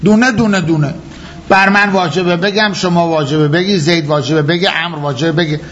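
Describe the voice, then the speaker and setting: A man's voice: a little high, steady tone, fairly bright tone. A man teaching a jurisprudence lecture as a seminary teacher, explaining step by step, firing rhetorical questions and repeating his key points. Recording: dull lo-fi recording with faint noise.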